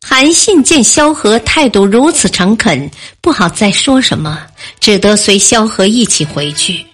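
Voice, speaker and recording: Slow woman storyteller. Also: medium pitch, animated, breathy edge, soft background music. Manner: slow and deliberate. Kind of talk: scripted narration of a classical history story.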